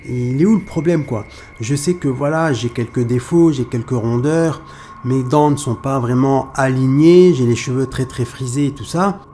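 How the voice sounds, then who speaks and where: A man's voice: mid-range voice, normal speed, warm tone, slight background noise, close to an everyday voice. A man voicing a young woman who hopes to marry, speaking in a chatty, plain-spoken way. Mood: hurt. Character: young woman, hopeful then heartbroken bride-to-be.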